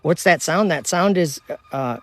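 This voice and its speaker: His voice leans high and unhurried, with no echo around it. The Minnesota-based host runs a telescope during a casual night livestream outdoors, reading viewers' comments and where they're from aloud in a relaxed, chatty stream.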